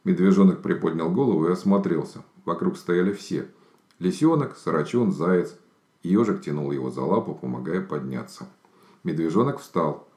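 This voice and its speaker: A man reading a children's story aloud as narrator, in a calm, expressive manner. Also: sits low, moderate pace, reverberant.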